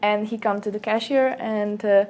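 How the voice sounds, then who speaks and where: A young woman from Slovenia, speaking English as a second language, chatting as an interview guest and acting out little quoted exchanges with lively energy, recorded in a small office room. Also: moderate pace. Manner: lively storyteller, acts out quotes in a higher voice. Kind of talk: casual interview chat.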